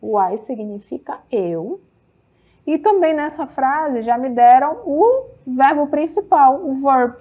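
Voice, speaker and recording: Slow, patient Brazilian woman teacher. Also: high-pitched, lively intonation, dark tone, muffled recording. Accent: Brazilian Portuguese. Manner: patient, explains step by step with frequent checks like "tudo bem?"; reads English examples slowly and carefully. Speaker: English teacher. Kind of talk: televised classroom lesson.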